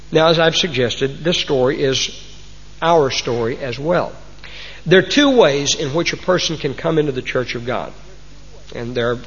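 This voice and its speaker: A Texan man with a slightly high, breathy voice preaches a sermon to his congregation. He's folksy and homespun, fond of old sayings. The recording is muffled and echoes through a large, reverberant hall.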